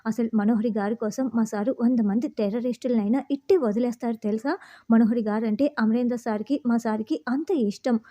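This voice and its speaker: A woman's voice: a little high, steady tone, brisk, warm tone, lightly acted. A woman voicing a loyal male aide who rambles on, boasting about a lady to provoke the captors. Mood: boastful. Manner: rambling, over-praising.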